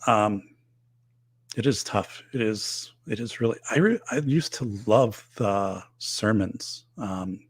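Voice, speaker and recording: A middle-aged man hosts a live show, reading viewer comments and rambling casually with many fillers and restarts as he loses his voice. It's lowish and breathy, slow-paced, and dryly recorded.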